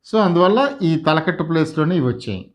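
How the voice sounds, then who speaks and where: A man giving a slow lesson, sounding out each syllable and repeating it for learners. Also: on the high side, lively intonation. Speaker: Telugu teacher.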